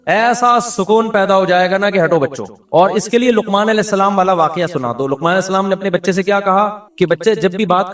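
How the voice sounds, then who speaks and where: A man giving a religious lecture, telling lively stories and acting out voices in the dialogue. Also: high-pitched. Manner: lively storytelling, acts out voices in quoted dialogue. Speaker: Islamic scholar giving a religious talk. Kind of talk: religious lecture with humorous anecdotes. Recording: roomy, distant mic.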